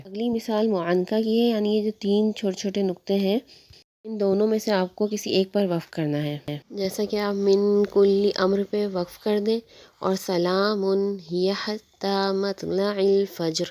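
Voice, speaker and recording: Pakistani urdu accent lady doing a tajweed lesson, warm mellow voice, patient and step by step. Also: mid-range voice, fairly even intonation. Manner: patient, step-by-step explanation, slow melodic recitation of verses. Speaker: Quran recitation teacher. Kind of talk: tajweed lesson with recitation examples.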